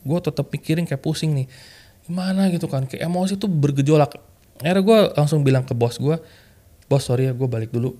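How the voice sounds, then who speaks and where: A man, a podcast guest telling a personal story in casual, slangy chat full of fillers. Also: a little fast. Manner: animated, slangy, full of fillers like "kayak" and "gitu kan"; acts out remembered quotes with lively jumps in pitch. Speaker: podcast guest sharing a testimony.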